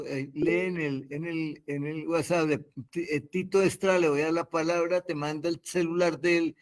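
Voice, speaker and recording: Male moderator on a video panel, slightly high voice, courteous and halting.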